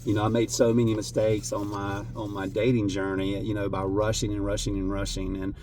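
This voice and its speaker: A man talking earnestly and emotionally to camera as a vlogger, halting, with many fillers and restarts. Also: fairly low pitch, little pitch movement, noisy background. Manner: emotional, voice wavering at times. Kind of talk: heartfelt unscripted talk to camera.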